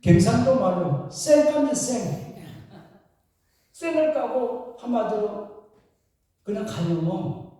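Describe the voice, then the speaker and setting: A man's voice: sits high, lively intonation, slow pace, pauses often, dark tone, far from the mic. A man preaching a sermon to his congregation, telling stories and addressing them directly. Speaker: pastor. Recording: echoey hall, voice from afar.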